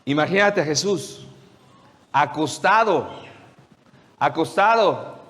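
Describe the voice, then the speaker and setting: A man preaching a sermon, retelling the story with lively questions to his listeners. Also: fairly high pitch, slow, in a large hall. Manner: animated storytelling, asks the audience questions.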